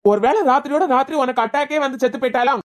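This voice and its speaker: Rapid-fire and lightly acted, a woman's high voice with a Kanyakumari Tamil accent brings a stern young male cartoon doctor to life. The doctor scolds and interrogates, keeping the mood pressing.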